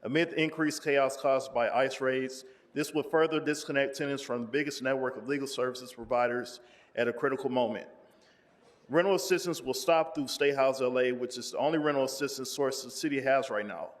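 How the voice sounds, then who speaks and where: A man reading a prepared public comment at a city council meeting in a measured way. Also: medium pitch. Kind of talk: read prepared statement. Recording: long reverb of a council chamber.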